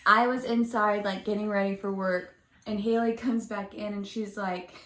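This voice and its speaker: A young woman co-hosting a podcast, chatting casually and telling animated stories that she keeps laughing through. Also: mid-range voice, normal speed. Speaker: podcast co-host. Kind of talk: casual chat. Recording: echoey room with faint noise.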